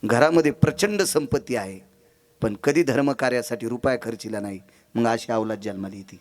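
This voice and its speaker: A male kirtan preacher from Maharashtra telling a devotional story, swinging between loud exhortation and low hushed passages. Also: brisk.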